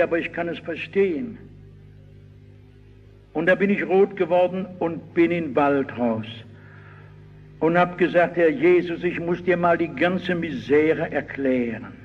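A husky man preaching in a high, slow voice, his sermon sounding dull and old, with long reverb from a big hall. He is middle-aged and tells his stories with vivid life. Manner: animated storytelling, shouting out quoted cries.

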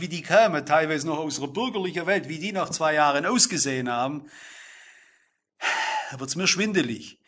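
High bright husky male preacher. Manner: addresses listeners directly, emphatic with slow stressed phrases. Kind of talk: sermon.

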